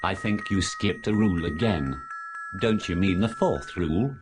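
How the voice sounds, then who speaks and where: Comic horror audio play: male actor as absent-minded undead academic, very deep and animated, brooding and self-absorbed. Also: moderate pace, over music. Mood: bemused, agreeable. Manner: musing, talking to himself. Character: absent-minded male behaviorist professor turning zombie, brooding, distracted.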